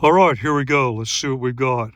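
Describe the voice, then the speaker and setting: A man in his sixties talks through a night trail exercise in a steady, methodical way, pausing often with "uh" fillers. His voice sits in a middle pitch and is a little winded from running. The sound is dry, with no room echo. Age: 60s. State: out of breath after running. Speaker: gear reviewer and search-and-rescue volunteer. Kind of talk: outdoor field vlog narration. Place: outdoors on night trails in grasslands.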